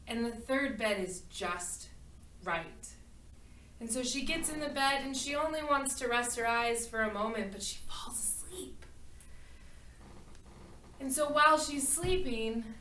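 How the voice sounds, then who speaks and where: A woman tells a fairy tale as a speech, slow and expressive, with dramatic pauses before each punchline. Her voice is bright and a little high. She sounds roomy and distant from the mic. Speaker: speaker telling a story. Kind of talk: storytelling speech. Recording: echoey room, far from mic.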